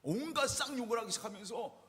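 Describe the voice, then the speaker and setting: A male pastor preaching a sermon, telling the story in an animated way with rhetorical questions to the congregation. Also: very high-pitched, fast. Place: church sanctuary. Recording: reverberant church hall.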